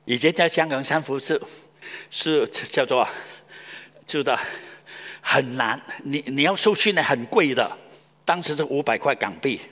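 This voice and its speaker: A male pastor preaching a sermon, telling stories with loud exclamations and hushed asides. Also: mid-range voice, measured pace, pauses often, long reverb tail. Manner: animated storytelling, swings between loud exclamations and hushed asides.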